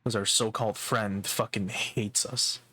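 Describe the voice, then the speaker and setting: A man's voice: on the low side, fairly even intonation, unhurried, pushed and bright, no echo. A man casually commentating his horror game playthrough as a streamer, talking through puzzle steps with loose fillers and the odd swear. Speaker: gaming streamer. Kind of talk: casual let's-play commentary.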